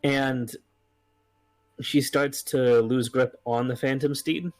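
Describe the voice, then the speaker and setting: A man running a tabletop game, unhurried and halting as he describes the scene. His pitch sits in the middle range. The sound is dry and close, with no room around it. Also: fairly even intonation, a little mellow, no room sound, rough recording. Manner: slow, hesitant narration with frequent ums. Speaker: game master.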